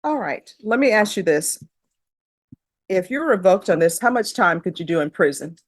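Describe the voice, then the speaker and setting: A woman's voice: lowish voice, expressive, moderate pace, no echo, studio quality. A middle-aged woman judge questioning a defendant in a courtroom, firm and lecturing, with pointed rhetorical questions.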